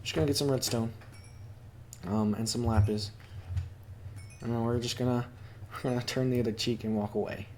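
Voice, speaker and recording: A gaming YouTuber in a room at home gives chatty, casual commentary while playing a video game, joking about his own skill and talking to his cat. His mid-range, slightly mellow voice stays steady at a moderate pace, with frequent pauses. There's slight background noise.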